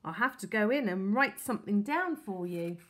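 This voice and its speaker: A woman reading a storybook aloud, voicing a shy, polite older man who is quietly in love. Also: medium pitch, lively intonation, normal speed. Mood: eager. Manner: polite, solemn.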